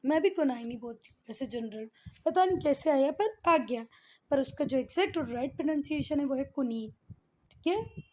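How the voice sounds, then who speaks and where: A woman's voice: sits high, lively intonation, normal speed, warm tone. A woman teacher giving a geography lesson, mixing in English terms, repeating key words and quizzing her pupils affectionately. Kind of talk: classroom geography lesson, Hindi mixed with English.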